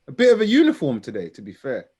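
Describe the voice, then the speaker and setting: A man's voice: mid-range voice, wildly swooping pitch, fast talker, a little mellow. A man with a London roadman accent and urban slang, hosting a podcast in casual banter. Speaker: podcast host.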